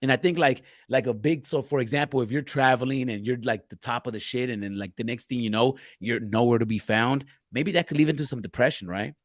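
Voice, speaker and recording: A man co-hosting a loose live-stream chat at a middle pitch, with dry, close sound. He speaks bluntly and swears casually, reading out viewer questions and riffing on them. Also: fairly quick, few pauses, no room sound. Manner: loose, profane, reads chat questions aloud. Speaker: podcast co-host.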